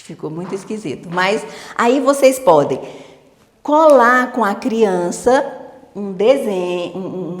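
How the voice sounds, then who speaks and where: A woman's voice: fairly high pitch, darkish tone. A woman teacher explaining a literacy lesson patiently, step by step, checking in with her listeners. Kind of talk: online teacher-training lesson. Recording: echoey room with long reverb.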